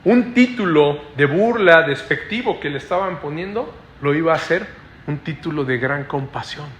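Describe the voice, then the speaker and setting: A man preaching a Bible study sermon, explaining slowly and repeating phrases while he keeps checking in with his listeners. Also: a little high, animated, a little hiss or hum. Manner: keeps adding questioning "¿no?" tags to the listeners. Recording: echoey room.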